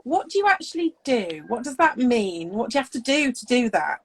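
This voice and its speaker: A woman's voice: on the high side, big pitch swings, fairly quick. A woman hosting a casual video call interview, chatty and giggly with lots of fillers. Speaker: host.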